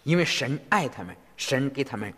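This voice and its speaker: A man interpreting a sermon phrase by phrase in an animated way. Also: medium pitch, brisk, slightly rough. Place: church hall. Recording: long reverb of a church hall.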